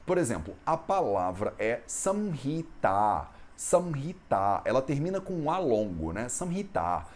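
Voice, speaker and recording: A man's voice: mid-range voice, sing-song, measured pace, darkish tone. A man from Brazil teaching an Ayurveda lesson in a conversational way, often ending phrases with a questioning tag. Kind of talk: explanatory lesson on Sanskrit texts.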